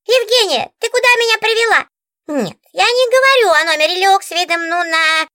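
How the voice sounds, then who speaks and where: A woman's voice: very high-pitched, animated, a little fast, pushed and bright, dry recording, clean studio sound, pitched above the performer's own voice, full character voice. A woman voicing a capricious female talking book, a pouty diva with an affected, whiny way of talking. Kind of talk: audiobook character voice.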